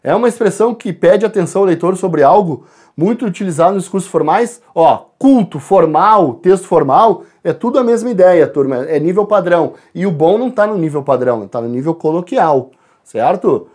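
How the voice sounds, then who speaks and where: Lively male teacher, chatty lesson, speaks to the class and parents. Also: high voice, moderate pace, husky. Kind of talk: exam answer walkthrough.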